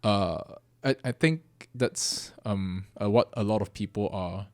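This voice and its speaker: A young man, co-hosting a casual podcast. He talks in an easygoing, halting way with lots of ums and restarts. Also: fairly low pitch, dry recording. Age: young adult. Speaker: podcast co-host. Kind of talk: casual chat.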